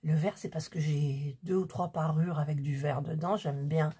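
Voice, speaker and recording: This haul vlogger's voice sits low and sounds mellow and husky, with a steady tone and normal speed. She talks casually to her audience, fiddling with the things she bought as she unpacks and tries them.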